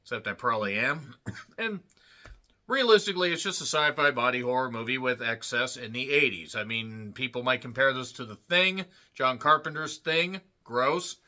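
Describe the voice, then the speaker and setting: A man's voice: mid-range voice, lively intonation, moderate pace, pushed and bright. A man giving a casual solo movie review, rambling into jokey asides, puns and self-mockery. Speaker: film reviewer.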